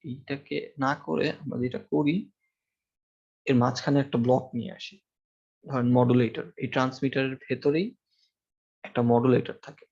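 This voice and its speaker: Through an amplified classroom microphone, a university lecturer explains concepts step by step and asks his students questions, with many fillers. His mid-range voice is flat and darkish with vocal fry, at a normal speed broken by long pauses. The highs in the recording are cut off.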